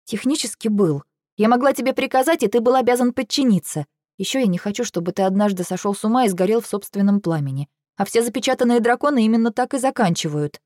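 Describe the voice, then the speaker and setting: A fierce, impulsive young heroine who pushes her words with real emphasis, as a woman reads her in an audiobook. Her voice rides higher than the narration, mellow in tone. The recording is dry and close. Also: quick pace, no echo, close to an everyday voice. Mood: pleading. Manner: emphatic and heated. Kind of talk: audiobook character reading.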